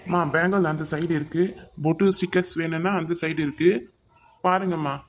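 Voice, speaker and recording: A man's voice: fairly high pitch, steady tone, brisk, a little hiss or hum, natural voice. A man voicing a friendly cartoon shopkeeper who chats up his customers. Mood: salesy. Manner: salesy, chatty. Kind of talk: cartoon voice acting.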